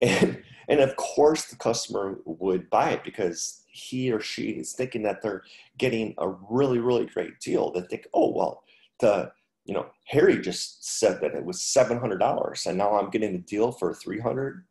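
A man with a low, gravelly voice lectures slowly over a video call, stumbling and restarting often. The sound is roomy and echoey. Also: animated, a little mellow. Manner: halting, many restarts and fillers. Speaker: teacher. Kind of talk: online class lecture.

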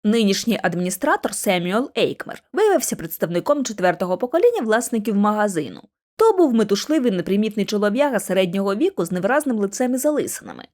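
A woman narrating a bedtime audiobook in an animated, expressive reading voice. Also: medium pitch, fast talker, hardly any pauses.

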